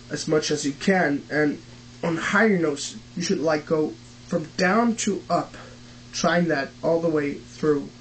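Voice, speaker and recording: Young guy, not a native english speaker, explaining vocal stuff slowly, lots of uhs, faint hum behind him. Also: on the high side, poor audio. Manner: halting, many fillers and restarts, non-native phrasing. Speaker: vocal technique teacher. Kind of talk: casual home tutorial.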